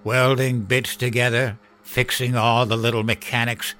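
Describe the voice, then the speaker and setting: A man's voice: mid-range voice, little pitch movement, normal speed, fairly bright tone, close to an everyday voice. An actor playing a bitter old grandfather, a former comedian, telling his story in an audio drama with a weary manner. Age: older.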